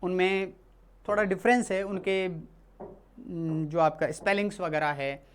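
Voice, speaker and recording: Teacher from India, mid-pitched, talks through a lesson patiently, restating and correcting as they go. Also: steady tone, slow pace, a little hiss or hum. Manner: explains patiently, repeats and corrects itself often. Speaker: English teacher. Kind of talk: classroom lesson explained in Hindi.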